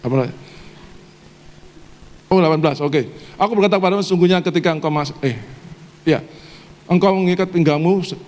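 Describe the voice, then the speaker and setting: Male pastor, high voice, call-and-response sermon, hall reverb. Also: fairly quick, pauses often, darkish tone. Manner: call-and-response preaching, quizzing the congregation. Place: church service hall.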